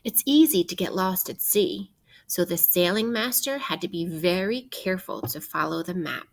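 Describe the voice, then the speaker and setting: Reading a picture book to children, a woman teacher goes deliberately and instructively, asking questions along the way. Her pitch is fairly low and her intonation lively.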